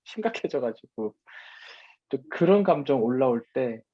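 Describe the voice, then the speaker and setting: Casting: candid, rambling dad, husky voice, a little dull and lo-fi in sound. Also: male voice, mid-range voice, lively intonation, moderate pace, no echo. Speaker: panelist father. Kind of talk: casual parenting talk.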